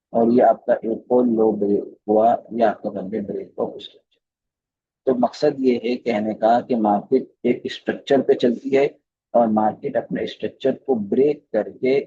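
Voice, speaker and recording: A man's voice: medium pitch, warm tone, dull audio, slight background noise. A man teaching a recorded live class on chart reading, speaking with a flavour and often repeating phrases and putting questions to his students. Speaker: trading course teacher.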